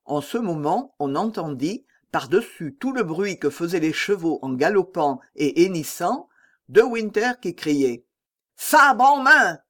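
A man narrating an audiobook in a steady, dramatic storytelling manner. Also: on the high side, unhurried. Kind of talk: scripted narration.

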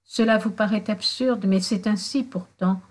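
A woman voicing a remorseful young man who drinks, speaking sadly in halting phrases in a storybook reading. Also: medium pitch, lightly acted. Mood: contrite. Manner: halting, contrite, sad.

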